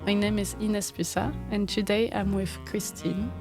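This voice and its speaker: A woman hosting a podcast, asking polite, gentle interview questions. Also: mid-range voice, steady tone, normal speed, over music. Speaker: podcast host.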